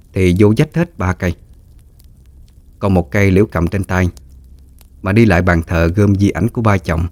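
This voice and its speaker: A man with a Southern Vietnamese accent telling a story in a steady, plain way. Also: low-pitched, dry recording. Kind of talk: storytelling narration.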